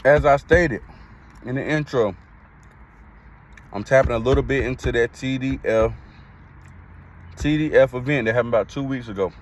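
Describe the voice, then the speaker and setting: A man's voice: medium pitch, normal speed, long pauses. A man from North Carolina, hosting a podcast and giving blunt, slangy basketball takes, often repeating himself for emphasis. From Greensboro, North Carolina. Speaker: podcast host. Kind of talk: casual sports talk.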